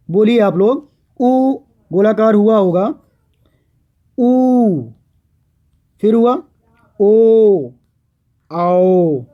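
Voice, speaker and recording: A man teaching a grammar lesson, speaking slowly and patiently and repeating each definition so that students can write it down. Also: sits high, muffled recording. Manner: slow and patient, repeating definitions for note-taking. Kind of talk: classroom lecture on grammar.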